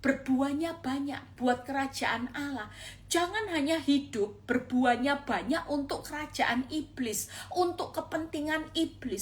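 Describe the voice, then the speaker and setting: A woman evangelist preaching a sermon on a live stream, speaking with emotion and acting out anguished prayers. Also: sits high. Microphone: phone or webcam on a live stream.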